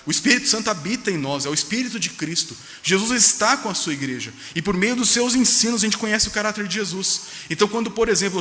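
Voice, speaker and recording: Fast, bright-voiced São pastor preaching. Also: male voice, high-pitched. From Brazil. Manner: emphatic preaching, rhetorical questions, voices quoted speech. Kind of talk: sermon. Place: church sanctuary. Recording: reverberant church hall.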